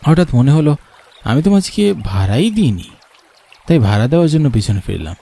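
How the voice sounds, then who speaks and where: Voicing an earnest young man who tells his own eerie village journey in a cartoon ghost story, this man sounds wondering and uneasy. His mid-range voice is creaky and dark, swinging widely in pitch and moving a little fast.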